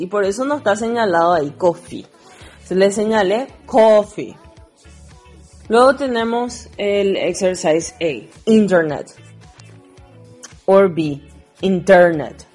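A woman teaching English and walking students through worksheet exercises with patient, step-by-step explanations that mix Spanish and English. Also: lowish voice. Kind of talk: recorded classroom lesson explaining worksheet exercises.

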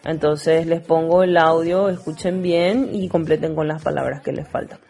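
Soft music plays faintly behind a woman whose voice sits low, gravelly and a little mellow, with a steady tone and moderate pace. Recorded in class, she teaches English, going through worksheet exercises with patient, step-by-step explanations blending Spanish and English.

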